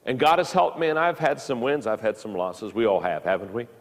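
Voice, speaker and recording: A man's voice: mid-range voice, in a large hall. A man in his fifties giving a recorded leadership lesson, often stumbling and repeating words as he talks. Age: 50s. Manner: halting, repeats words while speaking. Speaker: leadership teacher.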